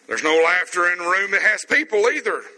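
A man preaching a sermon as pastor, stressing words slowly with pauses, in an empty room. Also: high-pitched, expressive, sharp tone, in a large hall, poor audio.

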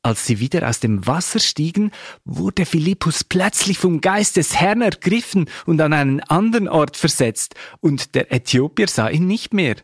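Male scripture reader, measured delivery, dry close-miked sound. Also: a little high, very animated, husky, no echo. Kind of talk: scripture reading.

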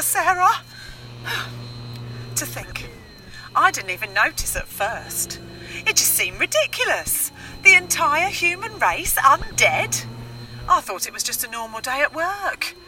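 Woman playing a chatty lonely survivor, 30s, very bright, lively pitch. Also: a little slow, a little hiss or hum, rough recording. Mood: rambling. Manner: chatty, giggly, rambling.

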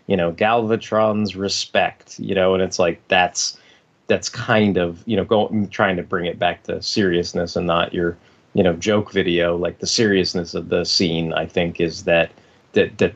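Low, gravelly man on a podcast. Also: flat delivery, normal speed. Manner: rambling, circling back to rephrase. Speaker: podcast co-host. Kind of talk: casual fan discussion. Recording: slightly dull, lo-fi podcast audio.

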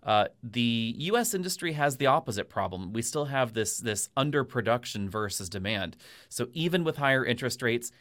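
A man's voice: medium pitch, expressive, normal speed, a bit bright. A man speaking as a podcast commentator, giving conversational analysis in an explanatory, long-winded way. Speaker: automotive industry commentator on a podcast.

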